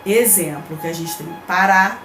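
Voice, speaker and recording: Faint music sits behind a female primary school teacher with a Brazilian Portuguese accent, whose voice is medium-pitched, fairly bright and at normal speed. In her recorded remote lesson she reads the textbook, explains things patiently and checks in with pupils, in an echoey room with faint background noise.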